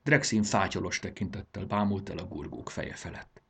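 Gravelly, raspy male storybook narrator. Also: low voice. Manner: expressive storytelling. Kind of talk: audiobook fantasy narration.

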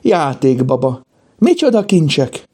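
A man voicing an excitable, bossy young girl in a children's audiobook, with high, eager exclamations. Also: husky, heavily acted. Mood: excited.

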